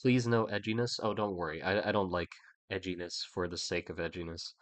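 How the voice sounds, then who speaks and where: In a dry recording, a young man's low voice comes out brisk with fairly even intonation, stuffy and a little nasal. Streaming a creature design session, the artist talks casually as he draws, rambling and restarting his thoughts.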